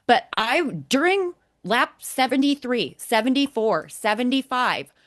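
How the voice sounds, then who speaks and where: Here the same co-host of a motorsport podcast picks apart race broadcasts point by point, forceful and critical in her opinions. She sounds fairly high and a touch bright, with a sing-song lilt and a relaxed pace.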